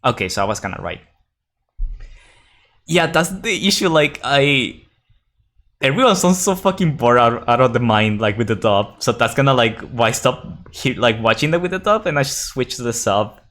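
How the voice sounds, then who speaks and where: A man's voice: medium pitch, expressive, normal speed, a bit bright. Rambling young male streamer. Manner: rambling, restarts sentences, swears casually. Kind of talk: casual live-stream chat and reading game text aloud.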